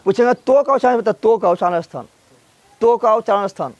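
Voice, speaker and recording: A man's voice: high voice, fairly quick. A man teaching a grammar class, drilling syllables aloud and quizzing and scolding his students.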